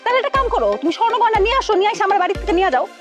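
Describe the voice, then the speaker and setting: Whiny stubborn wife, very high, sing-song, rapid. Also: female voice, expressive, music in the background. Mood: defiant. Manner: complaining, talking back.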